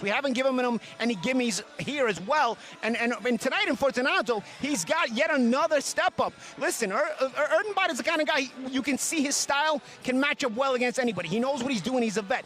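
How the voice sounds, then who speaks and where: A male boxing analyst previews fights in a very high-pitched voice. He talks quickly and emphatically, circling back to repeat phrases. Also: a bit bright. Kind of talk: live fight preview commentary.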